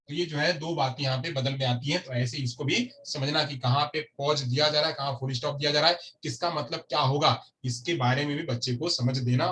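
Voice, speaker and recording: A man's voice: fairly high pitch, sharp tone. Man teaching from a distant mic. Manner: repetitive, asks and answers his own questions. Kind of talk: explanatory lecture. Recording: distant mic with faint noise.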